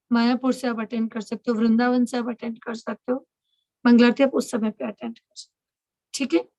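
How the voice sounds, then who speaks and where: In a Hindi-English mix, a woman with a slightly high, darkish voice mentors young women spiritually during an online session. She teaches as she goes and keeps checking that they follow her. The audio is poor, with no room sound.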